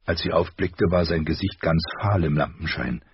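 Male audiobook narrator, low and husky, measured, slightly dull recording. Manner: measured, even storytelling.

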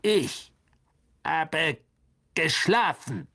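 An ancient, irritable blind spider of enormous size, as a male narrator puts him on. The voice comes out as a slow, gravelly half-whisper that hisses and stretches each word. It has a husky, breathy edge, like a storybook monster read aloud. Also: fairly high pitch, sing-song, bright, forceful tone, pitched above the performer's own voice, heavily acted. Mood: irritated. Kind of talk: audiobook character voice.

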